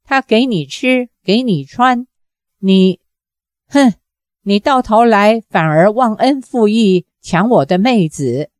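A woman's voice: medium pitch, expressive, slow pace, darkish tone, no echo, studio quality. A woman reading a proud, hot-tempered young woman. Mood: indignant.

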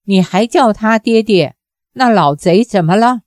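A woman's voice: medium pitch, animated, unhurried, darkish tone, no echo, studio quality, lightly acted. A woman voicing a fierce, embittered older mother who talks sternly and commands.

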